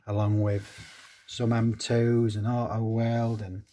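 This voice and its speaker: A man's voice: on the low side, flat delivery, slow pace, warm tone, slight background noise. A man from England, hosting a casual unboxing chat about diecast models, full of fond exclamations. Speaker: host of a diecast collecting channel.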